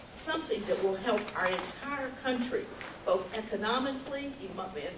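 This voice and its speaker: A woman giving an earnest, persuasive speech to a crowd in a large hall. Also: mid-range voice. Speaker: speaker at a rally. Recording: echoey room, distant mic, faint ambient noise.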